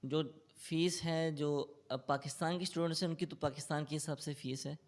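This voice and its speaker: Male Quran tutor with a Pakistani accent, slightly high voice, patient explainer, interview answers. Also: steady tone. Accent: Pakistani Urdu. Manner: recites in slow melodic chant; explains patiently with English loanwords.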